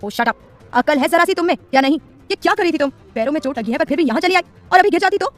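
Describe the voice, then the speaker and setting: A woman voicing a gruff but caring young man in a romance story, scolding in a raised, higher voice. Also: animated, rapid-fire, faint music behind. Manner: scolding, exasperated.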